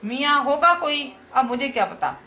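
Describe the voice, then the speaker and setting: Woman reading as a busy, flustered housewife from a comic play, fussy and scolding, high bright voice. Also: expressive, moderate pace. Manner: fussy, scolding read-aloud lines.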